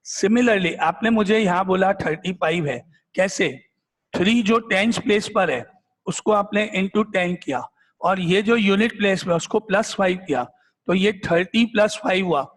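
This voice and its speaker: A male math teacher with a notably high voice works through examples in front of a class, quizzing his students and repeating the same point until it sticks. The sound carries a long reverb, as in a bare classroom. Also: normal speed. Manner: repetitive, drilling questions back at the class. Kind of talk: classroom lecture, questioning students.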